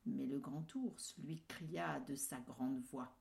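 A woman reading a children's story aloud in an expressive storyteller's manner. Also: very deep voice, slow pace, gravelly.

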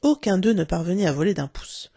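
Husky, gravelly woman reading a story aloud. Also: on the low side, a little fast, dry recording, studio quality. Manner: expressive storytelling, acting out the characters. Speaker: narrator.

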